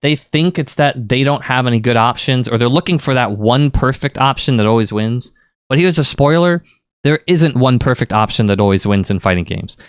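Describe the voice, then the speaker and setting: A man talks through fighting-game strategy in a relaxed, rambling coaching style, now and then pushing a point hard. His voice is smooth and resonant, at an ordinary middle pitch. The recording is close and dry, with no room sound. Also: moderate pace, dry recording. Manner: conversational, rambling, lively emphasis. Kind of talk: casual explanatory commentary.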